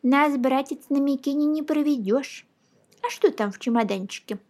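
A woman voicing a blustering old male judge who scolds loudly in a storybook reading. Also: high voice, moderate pace, voice pushed up, natural voice. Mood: lecturing. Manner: loud exclaiming scolding.

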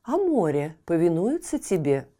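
A woman voicing an old male wizard in a storybook, grave and commanding, with a slow, deliberate delivery. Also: fairly low pitch, sing-song, mellow. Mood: questioning. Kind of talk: storybook character voice.

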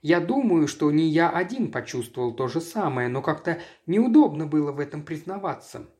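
A reader giving steady, even scripted narration of an audiobook. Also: medium pitch, normal speed.

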